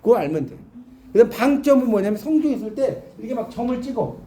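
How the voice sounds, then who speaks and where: A man's voice: very high-pitched, animated, quick pace, dark tone, slight background noise. A man giving a classroom lecture, explaining with examples and asking his students questions. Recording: echoey classroom.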